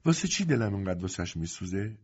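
A man voicing a gentle young peasant mother, her voice soft and trembling, in an audiobook. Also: on the low side, sing-song, husky, dull audio. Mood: tearful wonder.

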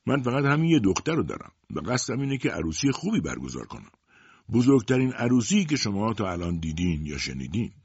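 A man voicing a proud, quick-tempered older father who talks loud and forcefully. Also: medium pitch, animated, dry recording, dull audio, voice pushed up.

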